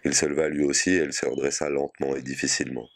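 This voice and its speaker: A man reading a short story aloud in a measured, sober way. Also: extremely low pitch, little pitch movement, vocal fry. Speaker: reader.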